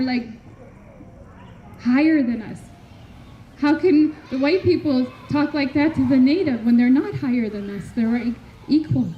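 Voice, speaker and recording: A woman with a high voice, from Canada, speaks earnestly and slowly at a community memorial gathering, leaving measured pauses between phrases in her heartfelt public address. It's a dull lo-fi recording with some faint background noise.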